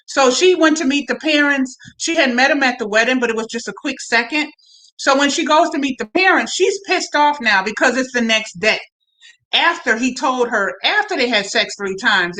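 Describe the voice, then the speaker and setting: A woman's voice: a little high, pushed and bright, low-quality recording. A woman hosting a live stream, chatting casually and slangily to her viewers while recapping a reality show, often repeating her words.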